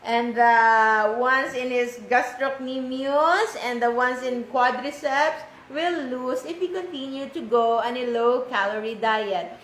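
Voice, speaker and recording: A woman's voice: sits high, unhurried, hardly any pauses, fairly bright tone. Woman, Filipino accent, physician host, live health lecture, repeats key terms, echoey room, faint background noise.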